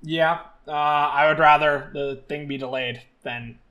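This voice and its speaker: A man's voice: a little high, steady tone, measured pace, pushed and bright. A young man co-hosting a casual, opinionated reaction chat, repeating words for emphasis. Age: young adult. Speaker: co-host. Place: indoors at home on a video call.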